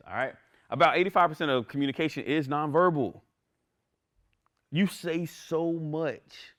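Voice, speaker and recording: A man teaching a class in a conversational lecture, often checking in with the listeners. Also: medium pitch. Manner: animated, conversational, asks "right?" often. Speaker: instructor.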